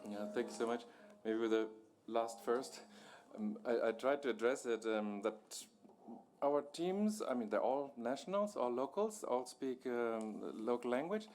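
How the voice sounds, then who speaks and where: A man's voice: mid-range voice, animated, unhurried, a little mellow. A man answering questions on a panel, explaining at length with many restarts and fillers.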